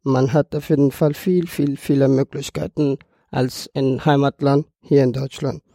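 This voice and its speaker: In a podcast conversation, an Afghan man in his early twenties recounts his personal story, his Dari-native background audible in his accent and non-native phrasing. He speaks at normal speed in a dark, mid-range voice with little pitch movement. The studio-quality audio has no echo.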